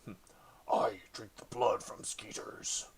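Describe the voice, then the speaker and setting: A man's voice: slow, close to an everyday voice. A man voicing a bloodthirsty demonic sword in a tabletop game, with a possessed, whispering delivery. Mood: slow, menacing.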